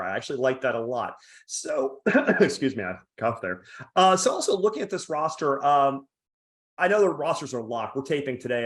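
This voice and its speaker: A man hosting a casual sports podcast interview, chatty and joking. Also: mid-range voice. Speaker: podcast host.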